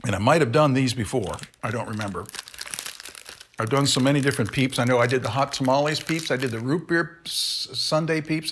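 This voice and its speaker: A man's voice: medium pitch, fairly bright tone, a little hiss or hum. A middle-aged man hosting a casual solo candy review, rambling and correcting himself as he talks and chews. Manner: rambling, self-correcting, talks while chewing. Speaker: candy reviewer, show host.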